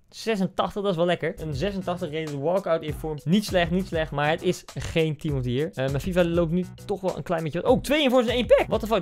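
A young man with a Dutch accent, commentating on a video game pack opening, swinging from flat muttering to loud outbursts. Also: fairly high pitch. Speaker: gaming YouTuber.

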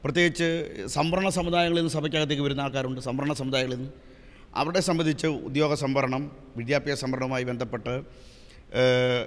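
A man speaking for a church on a discussion panel, explaining at length in a measured way with filler sounds. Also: mid-range voice, long reverb tail. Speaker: church spokesman.

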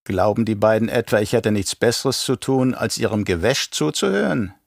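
A man's voice: on the low side, expressive, normal speed, creaky, no room sound. Male reader as a sullen young nephew, grumbling, close dry sound. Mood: sulky. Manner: sulky, grumbling.

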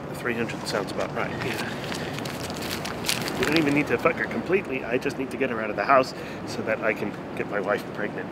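A man's voice: medium pitch, a little fast, very noisy, close to an everyday voice. An actor playing a frantic, desperate husband who pleads with his friend for help. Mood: scheming. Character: desperate husband, middle-aged man.

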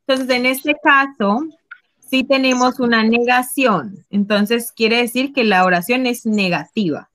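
A woman teaching a class over a video call, her rather high voice bright and clear. She moves slowly and patiently through each point. She keeps stopping to ask her students for the answer. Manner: patient, explains step by step and prompts students. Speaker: English teacher. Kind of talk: online class explanation.

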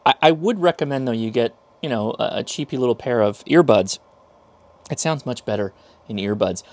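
A product reviewer in his thirties demonstrates a device in a small indoor workshop, keeping the review casual and hands-on. His mid-range, darkish voice is brisk, with lively intonation.

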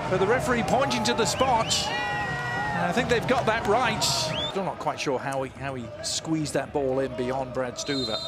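A man giving live play-by-play football commentary. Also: sits high. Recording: loud stadium crowd noise. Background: stadium crowd.

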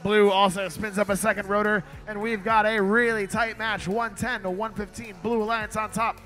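A man announcing a robotics match with energetic, excited play-by-play commentary in a competition arena. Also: sits high, moderate pace, soft background music.

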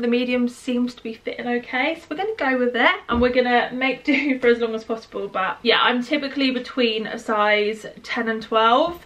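Young woman vlogger, slightly high voice, gushing and informal, a bit out of breath. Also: fairly bright tone. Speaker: fashion vlogger. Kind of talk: casual try-on haul chat.

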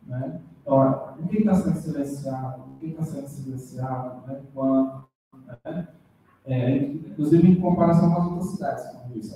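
Male seminar discussant, dark mellow tone, slightly high-pitched, taped from across an echoey room with faint noise. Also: far from the mic. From Brazil, Rondônia. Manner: halting, with many tag questions and restarts. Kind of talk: academic feedback in a seminar.

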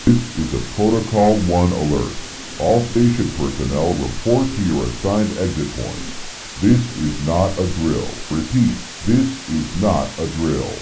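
An actor playing a station alert announcer whose stern, clipped warning comes over a loudspeaker from an audio log. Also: male voice, rumbling low, unhurried, full character voice. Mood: urgent alert. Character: adult male station alarm announcer, urgent and formal. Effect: station alert over a loudspeaker, played from an audio log. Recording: distant loudspeaker with steady hiss.

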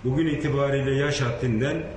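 A man in his fifties, a police radio operator, making a formal farewell announcement over a police radio in a measured, ceremonious way. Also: mid-range voice, fairly even intonation. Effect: heard over a police radio. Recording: echoey radio transmission with faint noise and clicks.

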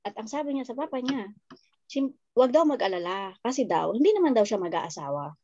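A woman, a mother telling a lively family story in casual chat. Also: on the high side, fairly quick, highs cut off. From Philippines. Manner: animated storytelling, quoting family.

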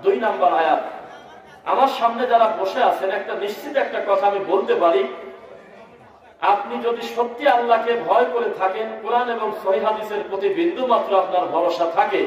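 A man with a Bangladeshi Bengali accent preaching to a crowd, asking them to answer back and chanting verses in a slow melodic recitation. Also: sits high, dull audio. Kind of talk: sermon at a religious gathering. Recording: very echoey hall, speaker far from mic.

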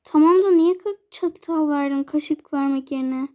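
An exasperated young girl in a doll life-sim game, put on by a woman, whiny and indignant. Her voice sits very high and light. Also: moderate pace, a little mellow, dull audio, natural voice. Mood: annoyed. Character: exasperated young girl friend, pranked all day.

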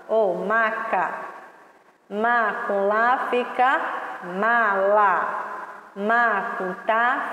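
A woman teaching an online class to young children, sounding out syllables slowly and patiently. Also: mid-range voice, fairly bright tone. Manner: slow, drawn-out syllables, patient and instructive. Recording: echoey room with long reverb.

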